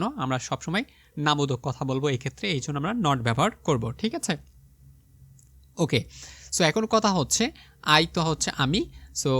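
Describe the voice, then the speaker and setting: A young man giving a spoken English lesson, slowly repeating example sentences and checking in with his students. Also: a little high, no room sound. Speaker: English teacher.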